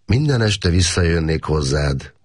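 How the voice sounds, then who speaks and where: A man reading an audiobook, voicing a lonely, nervous man who speaks quietly and tenderly. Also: low voice, sing-song, dry recording, studio quality, pitched above the performer's own voice. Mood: soft. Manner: quiet, soft-spoken.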